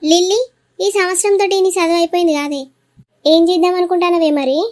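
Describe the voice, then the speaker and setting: Figure: caring elder sister in a cartoon, voiced by a woman. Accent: Telangana Telugu. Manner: advising. Pitch: very high. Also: fast, a little mellow. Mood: concerned. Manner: questioning, advising.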